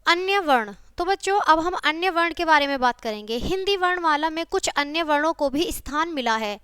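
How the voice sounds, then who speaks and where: High-voiced woman teaching young children. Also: expressive, bright, forceful tone, dry recording, studio quality. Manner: patient, keeps checking the children understand; spells out sounds slowly one by one. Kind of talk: classroom video lesson for children.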